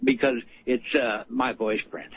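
A man's voice: medium pitch, steady tone, measured pace, vocal fry, husky, no room sound. A man from Louisiana calling in to a radio show over the phone, chatting in a folksy, wry, sarcastic way. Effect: heard over the phone. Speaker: radio call-in caller. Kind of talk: casual call-in chat. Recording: muffled phone line with faint noise.

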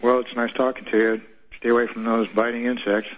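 A man calling into a talk show over the phone, halting and full of "uh" fillers. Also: mid-range voice, flat delivery. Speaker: caller. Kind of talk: call-in question. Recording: dull phone-line audio.

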